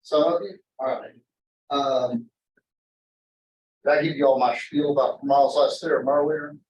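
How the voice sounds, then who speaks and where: A man's voice: mid-range voice, steady tone, a little mellow, highs cut off. Rambling male math lecturer, echoey and distant. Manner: rambling, digressive, halting with self-interruptions. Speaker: university math professor lecturing. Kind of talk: informal classroom lecture. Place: indoor classroom.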